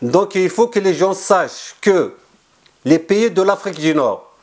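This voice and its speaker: As an author explaining himself in an interview, this man speaks a little slowly, his voice sitting high with lively intonation and a darkish tone. He keeps restarting and repeating words, earnest and insistent, and he isn't a native French speaker.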